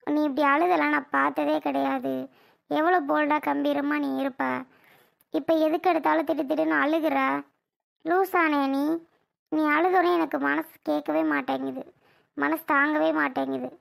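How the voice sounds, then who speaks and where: A woman's voice: high-pitched, fairly even intonation, creaky. A woman playing a young married woman, a younger sister who scolds and coaxes her brother in a family comedy skit. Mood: coaxing scolding. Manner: scolding yet coaxing, quick to snap.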